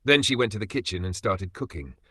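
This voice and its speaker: Forceful male narrator for a family drama tale, dry and close. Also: lowish voice, animated, a little fast, breathy edge, no echo. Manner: emotive storytelling. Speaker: storyteller.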